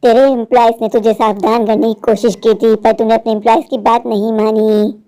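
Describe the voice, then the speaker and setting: A woman voicing a vengeful female witch spirit in a horror cartoon, who makes slow, drawn-out threats and sings eerily. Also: fairly high pitch, level tone, mellow, lightly acted. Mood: menacing.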